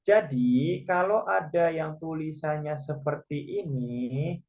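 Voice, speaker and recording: Slow, patient male teacher on a video call. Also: fairly high pitch. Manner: patient, explaining step by step. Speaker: Korean language teacher. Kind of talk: online class explanation. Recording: muffled video call audio.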